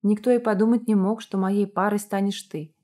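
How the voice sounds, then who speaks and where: A woman's voice: medium pitch, steady tone, fairly quick, dark tone, close to an everyday voice. A woman reading aloud, voicing a remorseful male werewolf who pleads with the girl he loves. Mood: pleading. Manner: pleading, earnest.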